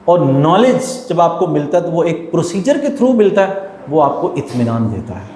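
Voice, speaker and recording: Here the same interview guest, a man who teaches, recounts stories and earnestly lays out his opinions with some English terms mixed in. His voice sits a little high with a sing-song lilt and a darkish tone, heard in an echoey room with slight background noise.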